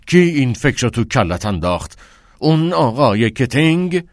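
A man voicing a stern middle-aged father who shouts angry, scolding reproaches. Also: low-pitched, dry recording, clean studio sound, pitched below the performer's own voice. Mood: furious.

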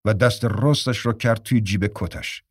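A man's voice: on the low side, husky, no echo. Man narrating a story, dry close voice. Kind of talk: scripted narration.

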